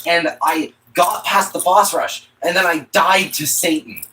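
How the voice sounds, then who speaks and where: A man's voice: on the high side, unhurried, pushed and bright, slight background noise, rough recording. A young man streaming casual chat outdoors on a phone while walking home, rambling with lots of "like" and "you know".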